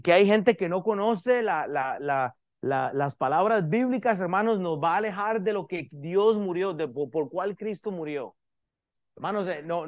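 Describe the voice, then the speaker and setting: A man with a high voice preaches a sermon, firing rhetorical questions at the congregation and calling them brothers. He often stumbles and restarts his words. The sound is dry and close. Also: a little mellow, no echo.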